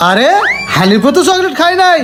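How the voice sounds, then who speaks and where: A grown-up cartoon lady, played by a woman speaks in a high voice. She scolds sharply and stretches her words slowly when chanting spells. Faint music sits behind her. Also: very animated. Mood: scolding. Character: grown-up woman, stern then magical helper.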